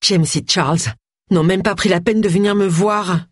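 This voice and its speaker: A reader voicing Agatha, a sharp-tongued, complaining middle-aged woman. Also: mid-range voice, animated, a little fast, husky, no room sound, studio quality. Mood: tart. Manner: tart and complaining.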